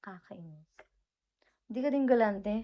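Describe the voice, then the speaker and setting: A woman's voice: medium pitch, lively intonation, unhurried, lo-fi sound. A woman, hosting a casual livestream and chatting and teasing her viewers. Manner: chatty, teasing, breaks into soft singing. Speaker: livestream host. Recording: loud background noise.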